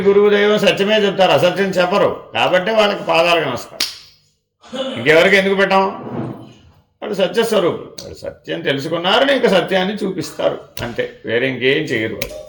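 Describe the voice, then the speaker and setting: A man's voice: high voice, creaky, a bit bright, echoey room. A man giving a devotional discourse as a spiritual teacher, asking rhetorical questions and repeating refrains, sometimes dropping to a near-whisper.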